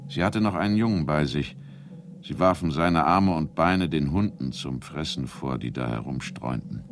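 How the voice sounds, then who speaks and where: Extremely deep male voice-over, faint hiss. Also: moderate pace. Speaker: voice-over translation of a witness. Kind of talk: scripted voice-over.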